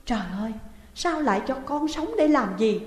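A woman reading an audiobook, voicing a heartbroken young woman in a shrill, pleading voice. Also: animated, normal speed. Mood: sobbing. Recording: echoey room with long reverb.

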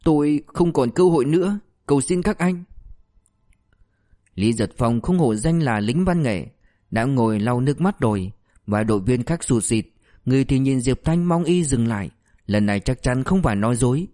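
A man reads a novel aloud as an audiobook narrator. His delivery stays steady and even, at a middle pitch. The reading is plain and scripted. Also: moderate pace.

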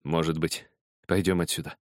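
A man voicing a weary, gentle grown man in an audiobook, with quiet, subdued replies. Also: deep voice, little pitch movement, normal speed, no echo, clean studio sound, lightly acted. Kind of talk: audiobook character voice.

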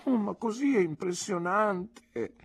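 A woman voicing a timid, childish young woman who is easily frightened, speaking in a high, plaintive, pleading way. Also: very animated, unhurried, warm tone, husky, full character voice. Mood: petulant.

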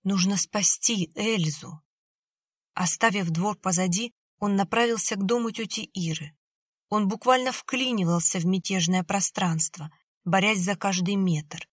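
A woman narrating a horror story in a tense, measured storytelling manner. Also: mid-range voice, breathy edge, no room sound, studio quality. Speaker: audiobook narrator.

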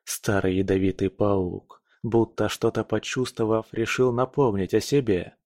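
A man narrating an audiobook in a calm, measured reading. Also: fairly low pitch, no room sound, studio quality. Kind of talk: scripted narration.

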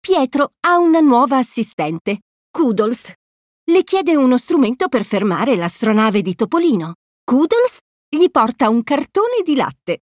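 A woman narrating a children's storybook with an expressive, sing-song delivery. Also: high-pitched, unhurried, no room sound, studio quality. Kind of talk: storybook read-aloud.

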